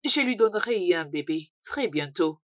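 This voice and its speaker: An actress voices a brazen, self-assured young mistress in a dubbed drama. Her pitch swings freely as she talks with flippant boldness, recorded dry and close. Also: animated, moderate pace, no echo, lightly acted. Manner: flippant, bold.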